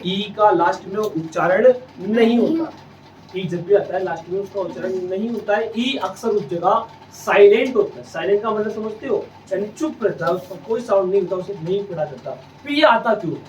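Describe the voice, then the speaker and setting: Patient classroom teacher, echoey and distant. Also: male voice, high-pitched, moderate pace, darkish tone, a little hiss or hum. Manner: patient, repeats questions, drills sounds. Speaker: English reading teacher. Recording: echoey room, distant mic, slightly dull.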